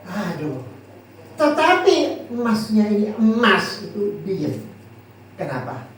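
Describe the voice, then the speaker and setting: Lively male preacher, echoey. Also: sits high, measured pace. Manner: lively, jokey, asks the congregation questions. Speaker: pastor. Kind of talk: sermon. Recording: echoey hall from far off, faint noise.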